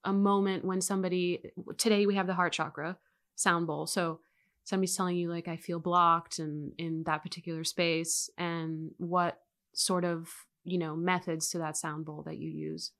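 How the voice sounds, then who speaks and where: A woman's voice: lowish voice, little pitch movement, normal speed, fairly bright tone. A woman hosting a podcast interview, asking questions casually and searching for her words. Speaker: podcast host.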